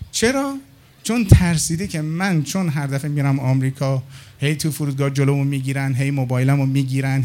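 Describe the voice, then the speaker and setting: A middle-aged man with a fairly high voice tells stories in a loose, casual monologue. He is animated and switches into the other people's lines as he recounts conversations. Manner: animated, acts out dialogue with others in his anecdotes. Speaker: storyteller.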